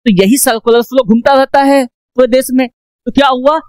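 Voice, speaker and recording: A woman's voice: sits high, fairly even intonation, moderate pace, darkish tone, dry recording. A woman teaching an economics lesson, repeatedly asking questions and answering them herself, mixing English phrases into her talk. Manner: mixes English phrases into Hindi speech. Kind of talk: classroom economics lecture.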